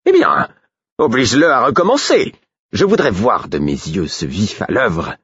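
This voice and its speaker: A man's voice: sits low, huge pitch swings, moderate pace, slightly rough, no echo, dull audio, heavily acted. Man playing an irate, imperious royal. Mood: commanding. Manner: angry, commanding, exasperated. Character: irritable, imperious young male royal.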